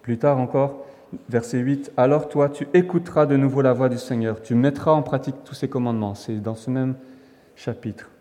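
A man's voice: mid-range voice, fairly even intonation, normal speed, warm tone. A man from France preaching a sermon in a conversational, emphatic way, with restarts and fillers. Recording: long hall reverb.

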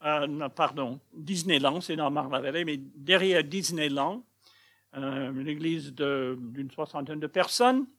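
An older man from Massachusetts with an American accent, a pastor speaking French with many halting fillers as he opens a sermon with humor. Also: on the high side, a bit bright. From Massachusetts, United States. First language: English. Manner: hesitant, halting, frequent fillers, self-deprecating humor. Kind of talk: sermon introduction.

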